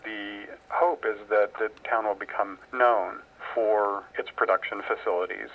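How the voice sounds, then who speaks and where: Male academic interviewee, lowish voice, thin telephone-like audio. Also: steady tone, a little slow. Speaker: college film program director. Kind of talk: interview remarks. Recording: tinny, narrow phone-like line.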